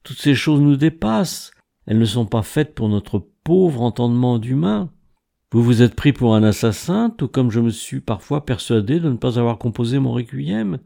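A man's voice: mid-range voice, expressive, moderate pace, creaky, dark tone. A man voicing a frail, haunted old composer who hesitates and breaks off with fillers, in a read-aloud story. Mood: earnest.

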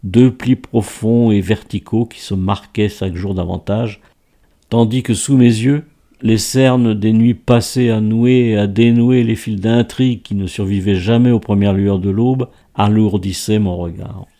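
A male narrator reads a first-person novel aloud. His voice is low and dark, mellow and warm. The delivery is measured and literary. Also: steady tone.

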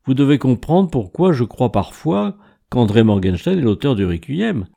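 A man's voice: mid-range voice, sing-song, moderate pace, vocal fry, mellow. A man voicing a frail, haunted old composer who hesitates and breaks off with fillers, in a read-aloud story. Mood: admiring.

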